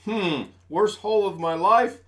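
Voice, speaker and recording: Chatting from home through a desk USB mic, a US man in his sixties runs a casual live stream full of folksy, self-deprecating rambling. He speaks at a measured pace in a high-pitched voice.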